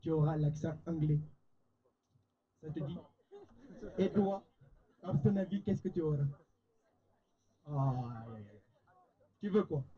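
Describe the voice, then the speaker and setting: A man's voice: fairly high pitch, a little slow, pauses often, breathy edge. A man hosting a game at a camp evening show, calling people up and teasing them in a theatrical way. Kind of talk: stage hosting. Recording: lo-fi sound with a lively crowd.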